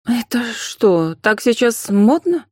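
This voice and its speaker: A woman voicing a young witch who sounds brisk and a little wry, raised above her reading voice. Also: a little high, lively intonation, darkish tone, dry recording, studio quality, voice pushed up. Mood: surprised.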